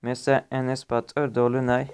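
A man's voice: mid-range voice, level tone, moderate pace, a little mellow, clean tone. A man giving a casual, step-by-step walkthrough of an app in plain, repetitive explanations. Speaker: app tutorial presenter. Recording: noisy amateur recording with clicks.

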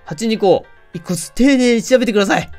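A man voicing a scheming young male murderer in a game who talks fast and pushes suspicion onto others. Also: high voice, faint music behind, pitched above the performer's own voice, natural voice. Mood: pushy. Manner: quick, pushy deflecting.

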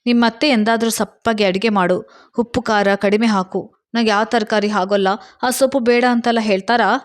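A woman reading a storybook voices a cheerful, sensible young friend who asks pointed questions in a brisk, half-amused way. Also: a little high, fairly even intonation, natural voice.

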